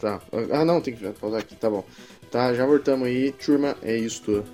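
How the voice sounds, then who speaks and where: A man's voice: medium pitch, normal speed, a little mellow. Podcast guy rambling thru movie scenes, swears a lot, laughs, mid voice, faint music under. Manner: rambling, slangy and profane, laughing often. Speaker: podcast co-host. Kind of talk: casual film-review chat.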